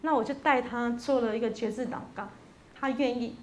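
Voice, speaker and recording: A woman's voice: a little high, steady tone, a little fast. A woman preaches a Sunday sermon. She tells a story in a conversational way and then builds to emphatic, rising exhortation.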